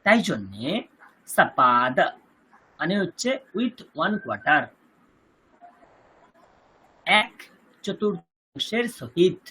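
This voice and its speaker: A Sanskrit teacher with a Kolkata Bengali accent giving an online lesson over a video call, reciting terms slowly one by one and quizzing the class. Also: medium pitch, sing-song, sharp tone, slightly rough, poor audio.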